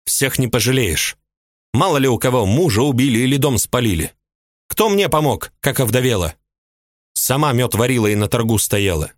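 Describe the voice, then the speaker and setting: A man voicing an angry, jealous young widow who shrieks and scolds, raising his voice high for her in an audiobook. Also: expressive, moderate pace, dry recording, clean studio sound, lightly acted. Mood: accusing. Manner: shrieking, scolding, tearful reproach. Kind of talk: audiobook character voice.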